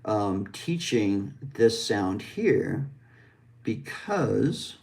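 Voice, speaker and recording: A man's voice: fairly low pitch, big pitch swings, extremely slow, gravelly, darkish tone. An American man from the West Coast teaching English vowel sounds, explaining patiently and modeling each sound. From West Coast of the United States. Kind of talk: explanatory lesson with demonstrations.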